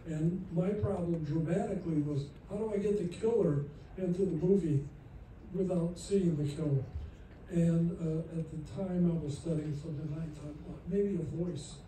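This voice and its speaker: A man's voice: fairly high pitch, normal speed, warm tone, slight background noise. A man telling rambling, joking anecdotes as a guest at a festival Q&A, recorded from far off in an echoey hall. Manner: rambling, jokey, restarts often. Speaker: panel guest. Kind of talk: anecdotal storytelling at a Q&A. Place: festival screening venue.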